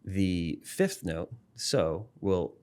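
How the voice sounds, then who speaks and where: A man with a very low voice talks through ideas as a guest in a casual interview. He is thoughtful and circles back on himself, full of fillers and restarts. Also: lively intonation, very slow, darkish tone. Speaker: psychology professor and musician, interview guest. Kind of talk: casual explanatory interview talk.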